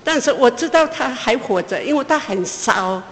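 A woman's voice: expressive, a bit bright. A mother recounting a personal testimony, stopping and restarting, her voice rising as the tension returns. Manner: pauses and restarts, pitch climbs as she relives the tension. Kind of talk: emotional spoken testimony. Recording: long hall reverb.

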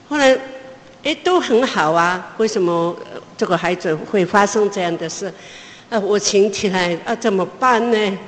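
A mother gives an emotional spoken testimony about her own experience, pausing and starting over as she goes. Her pitch climbs as she relives the tension, and the recording carries a long hall reverb.

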